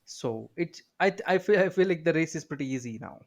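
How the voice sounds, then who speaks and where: A man's voice: a little high, animated, fairly quick, dull audio. A man hosting a podcast interview, teasing and joking in casual chat. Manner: joking, teasing, with frequent filler backchannels. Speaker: podcast host.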